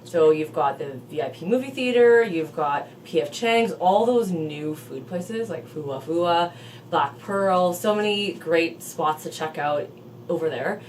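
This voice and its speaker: A woman's voice: lowish voice, animated, unhurried, darkish tone, recorded from a distance, slight background noise, poor audio. A woman hosting a casual interview, chatty, with lots of follow-up questions. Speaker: real estate video host.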